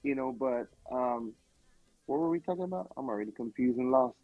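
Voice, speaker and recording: A man speaking as a music producer guest in a casual radio interview, telling stories in an animated way, heard over a tinny dry phone line. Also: medium pitch, fairly quick, no room sound. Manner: animated storytelling.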